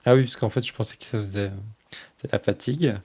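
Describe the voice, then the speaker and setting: A husky, medium-pitched man hosts a tarot channel, talking fairly quickly yet softly as he flips through a new oracle deck. He offers fond comments on each card and often trails off.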